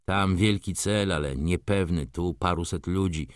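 A man's voice: low voice, clear, resonant tone, dry recording, clean studio sound. A man doing a brooding, bitter merchant. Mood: dry, ironic. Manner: gloomy, slow, resigned. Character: weary, bitter middle-aged male merchant, brooding.

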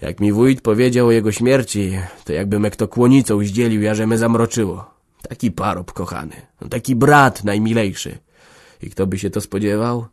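A hearty young peasant husband speaking firmly but tenderly, slightly raised in pitch, as a male narrator puts him on. He comes across as a strong, good-humoured man in a spoken storybook. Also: normal speed, no echo, studio quality, close to an everyday voice. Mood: sorrowful. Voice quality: somewhat raised, firm and hearty.

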